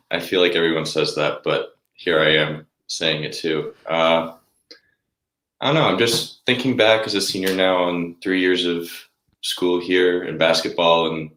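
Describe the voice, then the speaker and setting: A young man in his twenties, a college athlete being interviewed, answering in a calm, measured, reflective way. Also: sits low, reverberant. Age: 20s. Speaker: guest athlete.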